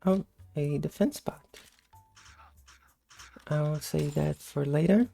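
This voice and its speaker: Low, mellow, sleepy woman gamer. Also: slow pace, vocal fry, faint music behind. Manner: sleepy, just-woke-up morning voice. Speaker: gameplay host. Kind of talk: casual gameplay commentary.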